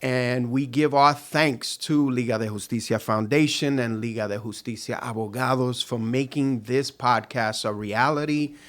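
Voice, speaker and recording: A man's voice: medium pitch, normal speed, few pauses, fairly bright tone. A man hosting an interview podcast, welcoming and upbeat as he asks his guest questions. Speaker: podcast host.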